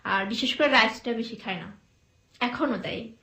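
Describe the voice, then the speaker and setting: A young woman from Bangladesh telling her life story in an interview, speaking softly and hesitantly with many pauses and fillers. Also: a little high, roomy sound. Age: young adult.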